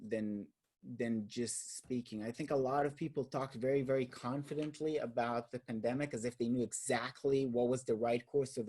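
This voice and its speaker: A man with an Israeli accent, originally from Israel, hosts a casual roundtable discussion in a warm, medium-pitched voice. He comes across as thoughtful and hesitant, repeating words while he searches for the right ones.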